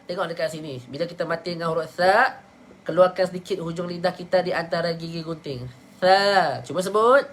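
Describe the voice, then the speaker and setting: A woman with a Malaysian Malay accent teaching Quran pronunciation in a live online lesson, patiently drilling syllables slowly for her students to repeat. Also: on the low side, fairly even intonation.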